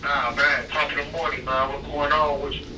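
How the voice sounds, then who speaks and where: A man's voice: a little high, little pitch movement, fairly quick. A man from Ohio, calling in from prison on a phone line, talking in a slangy, laid-back way with lots of fillers. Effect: heard over a prison phone line. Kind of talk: casual interview. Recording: distant echoey phone call with clear noise.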